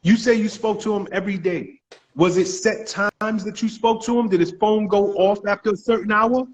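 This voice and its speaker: Direct high-voiced male talk show host. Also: steady tone, low-quality recording. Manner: probing and direct, halting restarts. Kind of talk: live talk show questioning.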